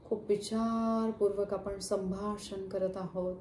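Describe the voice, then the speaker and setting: A woman leading a guided chakra meditation with slow, soothing instructions. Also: medium pitch, flat delivery, warm tone. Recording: echoey room, faint background hum.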